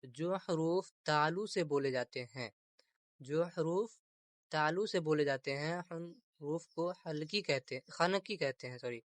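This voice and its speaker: A man gives a grammar lesson in a slightly higher-than-usual voice, recorded close with no room sound. He stretches key terms, repeats them, and keeps asking his listeners whether they follow. English words turn up now and then in his explanations. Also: dry recording. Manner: repeats terms slowly, asks rhetorical questions; mixes English words into teaching. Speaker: Urdu grammar teacher.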